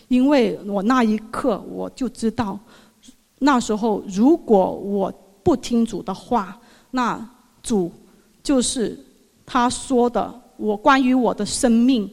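A woman giving an emotional religious testimony, earnest and halting, often repeating her words. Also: on the high side, darkish tone. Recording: long reverb of a hall.

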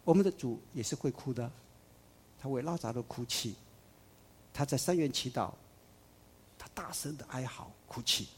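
A man preaching a sermon, emphatic, swinging between loud declarations and soft asides. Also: mid-range voice, normal speed, pauses often, husky.

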